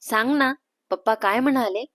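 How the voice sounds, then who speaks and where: A woman voicing an excitable, prying young woman who teases her elder sister, in a storybook reading. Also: on the high side, moderate pace, no room sound, clean studio sound, lightly acted. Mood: curious. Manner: eager, prying, playfully apologetic.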